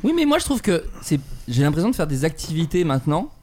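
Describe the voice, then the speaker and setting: A man's voice: on the high side, very animated, fast talker, darkish tone. A man from Burgundy hosting a podcast, asking questions and talking about himself in a hesitant, self-questioning way. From Burgundy, France. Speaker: podcast host. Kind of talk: casual chat.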